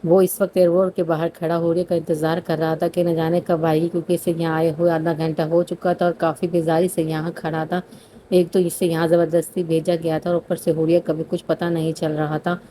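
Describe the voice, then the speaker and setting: A woman's voice: low-pitched, little pitch movement, dark tone, slight background noise. A woman narrating a romance novel, reading steadily with occasional slips and restarts. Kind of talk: scripted audiobook narration.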